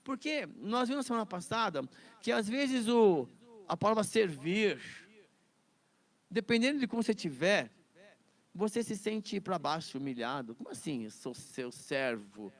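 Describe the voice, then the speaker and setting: A man's voice: sits high, sing-song, moderate pace, pauses often. A man teaching a Bible study lesson in a chatty way, laughing often and repeating words.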